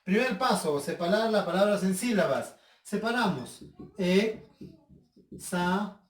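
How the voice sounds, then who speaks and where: A man's voice: sits high, animated, normal speed. A male teacher giving a recorded lesson at a whiteboard. He explains step by step, repeats key points and asks rhetorical questions. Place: room with a whiteboard. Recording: echoey room, distant mic.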